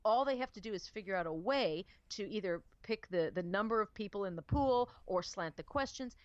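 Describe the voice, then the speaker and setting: A woman co-hosting a casual talk radio show, animated and playful, acting out quoted voices with emphasis. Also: medium pitch, fairly quick, no room sound, dull audio. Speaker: radio co-host.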